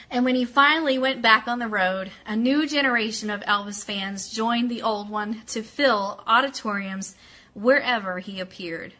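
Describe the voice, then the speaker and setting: A woman hosts a live online radio show, chatting casually as she greets viewers directly by name and reads an article aloud. Her mid-range voice is bright with a forceful tone.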